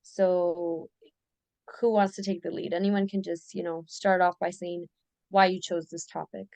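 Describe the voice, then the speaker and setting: A woman's voice: on the low side, level tone, a little slow, gravelly, a little mellow, no room sound. Young woman hosting a student podcast, kinda hesitant, dry close sound. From United States. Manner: hesitant, with fillers and restarts. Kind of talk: casual student podcast discussion.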